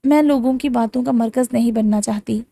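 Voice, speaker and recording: A woman's voice: fairly high pitch, creaky, warm tone. A woman voicing a shy, embarrassed young female student in an audiobook. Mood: ashamed. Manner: reluctant, embarrassed.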